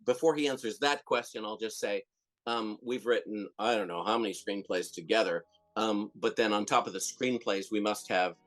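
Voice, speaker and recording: A man guest in a casual interview, telling stories animatedly, with lots of restarts, fillers and laughter. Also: fairly low pitch. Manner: rambling, with many restarts and fillers; animated storyteller who laughs often. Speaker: filmmaker and comedian guest.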